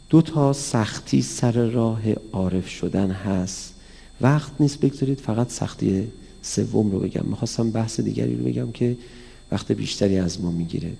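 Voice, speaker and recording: Male cleric lecturing a live audience, gravelly, animated, long hall reverb. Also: on the low side. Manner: animated, acts out dialogues with raised voice. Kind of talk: religious lecture on mysticism.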